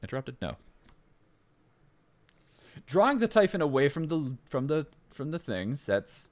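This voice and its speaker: At a measured pace, a gamer casually talks through his let's play, rambling and breaking off mid-thought with plenty of fillers. When he gets excited, his pitch jumps.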